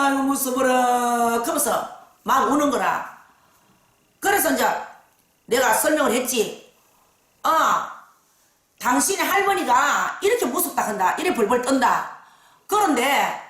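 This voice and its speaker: A woman fortune teller with a Gyeongsang accent telling the story of a client in lively dialect, with many fillers. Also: high voice, unhurried, pauses often, distant mic. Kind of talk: storytelling case account. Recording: very echoey room.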